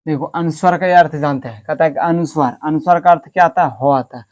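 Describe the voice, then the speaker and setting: Slightly high-voiced man teaching slowly. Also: darkish tone. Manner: asks questions and answers them himself, with repeated "ठीक ना" checks; stretches words out slowly to show pronunciation. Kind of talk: classroom-style lesson.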